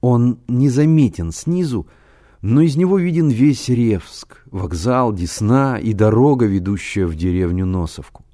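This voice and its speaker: A man reading a novel aloud as an audiobook narrator, calm and unhurried. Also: medium pitch.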